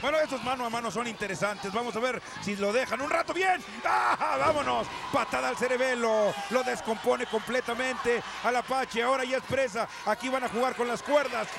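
High-pitched, gravelly Mexican wrestling commentator, a man. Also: normal speed, few pauses, noisy background. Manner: excitable, repeats phrases. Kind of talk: live lucha libre wrestling commentary. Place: ringside commentary table in indoor arena.

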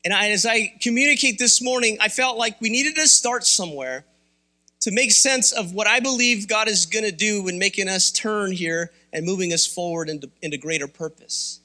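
High-voiced, bright-toned man preaching. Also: moderate pace. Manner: conversational, candid, rousing. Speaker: pastor. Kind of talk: sermon. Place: church sanctuary.

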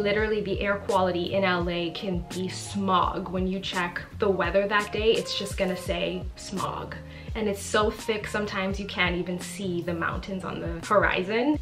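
A young woman from the Bahamas talks straight to the camera in an emphatic, chatty vlog style, leaning hard on words for stress. She sits in a small, bright living room, close to the camera. Faint music plays softly underneath her voice. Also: mid-range voice. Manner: chatty and emphatic, often says literally. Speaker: vlogger. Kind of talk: casual talking-to-camera vlog.

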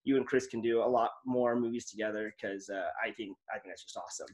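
A man's voice: lowish voice, steady tone, quick pace, darkish tone. A man hosting a casual interview, telling stories in an enthusiastic, rambling way. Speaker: podcast host.

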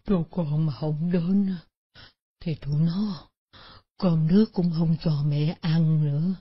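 A woman's voice: low voice, fairly even intonation, slow pace, husky, dry recording, voice pushed down, exaggerated voice. A woman voicing a frail, starving, bedridden old mother who murmurs weakly. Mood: pitiful. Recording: dull lo-fi recording.

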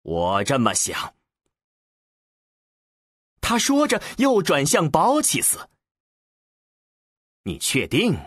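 A male narrator tells the story in a deliberate, expressive storytelling style. His pitch rises and falls dramatically while the pace stays unhurried. The voice has a husky grain and sounds dry and close. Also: no room sound. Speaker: audiobook narrator.

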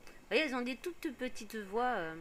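A hoarse woman streaming a life-sim game, explaining each step casually with lots of fillers. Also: a little high, lively intonation, moderate pace, fairly bright tone, a little hiss or hum. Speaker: gaming streamer. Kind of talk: casual gameplay commentary.

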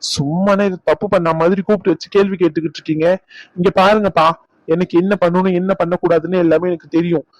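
A man's voice: high voice, fairly even intonation, quick pace, dry recording, close to an everyday voice, poor audio. A man voicing a defiant young doctor son. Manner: defiant, exasperated. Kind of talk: cartoon dub acting.

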